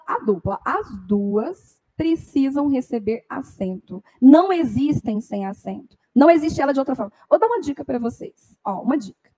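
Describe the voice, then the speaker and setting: High-voiced woman teaching grammar. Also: a little mellow, rough recording. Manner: explanatory, frequent "tá?" tag questions. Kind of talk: exam-prep grammar lesson.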